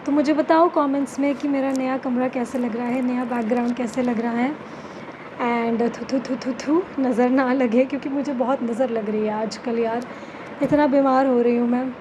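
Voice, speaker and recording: A woman's voice: high-pitched, steady tone, moderate pace, highs cut off, noisy background. A young woman, chatting casually to camera in her bedroom and slipping English words into her talk. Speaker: vlogger.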